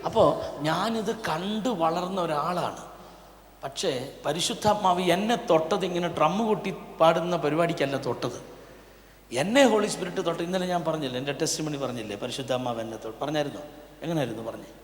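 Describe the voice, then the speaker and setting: A male pastor, preaching a sermon and swinging from quiet asides to loud, impassioned calls. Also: a little high, brisk. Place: church prayer hall. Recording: echoey church hall, long reverb.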